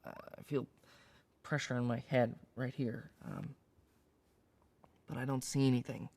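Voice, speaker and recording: Uneasy patient, halting speech, slow, gravelly voice. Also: male voice, mid-range voice, fairly even intonation, a little mellow. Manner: hesitant, halting, with many fillers. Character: anxious young man reliving a painful memory. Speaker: preclear in a demonstration session.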